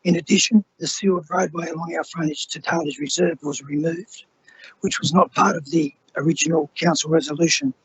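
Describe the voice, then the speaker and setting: Hoarse man reading a statement. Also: a little high, rough recording. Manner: formal, steady, measured. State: hoarse, voice nearly gone. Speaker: resident addressing council. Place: council chamber.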